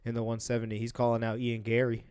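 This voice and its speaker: A man's voice: mid-range voice, monotone, fast talker, darkish tone, clean tone, no room sound, studio quality. A young man co-hosting a podcast, chatting casually about fights in a rambling way, full of fillers and restarts. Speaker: podcast co-host.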